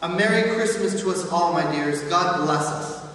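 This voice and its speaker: Man as tender, gentle father, echoey hall. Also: high voice, normal speed. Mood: warm, gentle. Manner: tender, reverent. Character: gentle, loving poor clerk and father. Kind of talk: dramatic stage reading. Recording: distant, echoey hall, some hiss.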